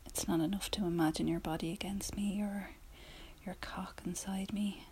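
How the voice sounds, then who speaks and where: A young woman leaving an intimate voicemail in a hushed, breathy whisper with soft laughs, close to a phone mic. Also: mid-range voice, fairly even intonation, normal speed.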